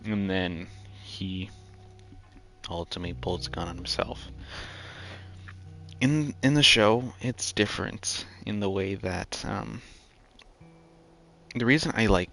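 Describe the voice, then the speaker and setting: Deep gravelly young man musing. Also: slow pace, long pauses, bright, forceful tone, faint music behind. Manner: musing, restarts sentences often. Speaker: gamer comparing game and show. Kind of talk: casual playthrough commentary.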